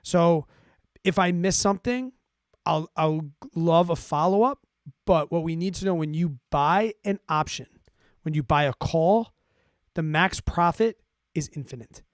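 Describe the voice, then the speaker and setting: Answering questions from listeners, this finance livestream host talks at a measured pace, explaining topics conversationally and repeatedly asking "right?" or "okay?" to check in. His pitch is fairly high, and the studio-quality audio has no room sound.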